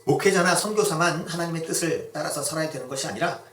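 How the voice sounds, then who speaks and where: A pastor delivering a sermon in a conversational storytelling manner, acting out quotes along the way. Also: male voice, on the high side, quick pace, fairly bright tone. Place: church sanctuary. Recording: echoey church hall miked from a distance.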